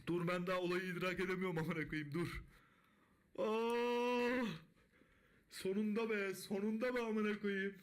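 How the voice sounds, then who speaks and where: A man streaming live blackjack, talking to his chat, swearing a lot and breaking into excited shouts. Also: high-pitched, fairly quick, few pauses. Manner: profane, bursts into excited shouting.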